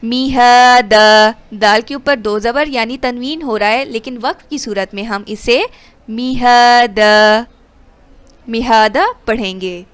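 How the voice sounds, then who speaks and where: A woman teaching Quran recitation rules, explaining quickly and then reciting verses slowly and drawn out. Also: fairly high pitch, dry recording. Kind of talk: tajweed lesson with recitation.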